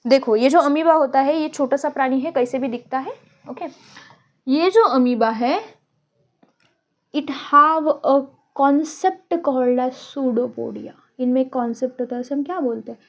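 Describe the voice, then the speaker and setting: A young woman teaching a biology lesson in a casual, joking way, thinking aloud and dictating notes slowly, from India. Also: high-pitched, a little mellow. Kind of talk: casual Hinglish classroom lecture.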